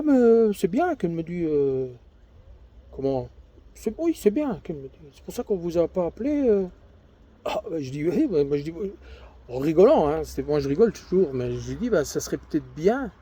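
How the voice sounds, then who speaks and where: A middle-aged man from Belgium talks in a relaxed, rambling way, as if recounting his day to friends. His voice is mellow and warm, at an ordinary pitch, and he breaks into easy laughter between his stories. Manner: chatty, rambling storyteller who laughs often. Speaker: vlogger sharing his cancer treatment diary. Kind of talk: casual chat.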